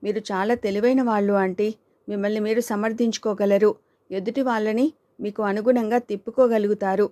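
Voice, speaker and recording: A woman's voice: medium pitch, fairly even intonation, a little fast, lightly acted. Woman reading a bold young friend. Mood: arguing. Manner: scolding, urging, sharp retorts. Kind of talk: audiobook character reading.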